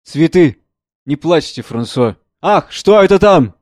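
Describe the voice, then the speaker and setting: A man reads the part of a middle-aged gentleman, grave and shaken. He speaks in a measured, somber way, a little above his own pitch. The recording is close and dry. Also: expressive, no room sound. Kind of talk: dramatic play reading.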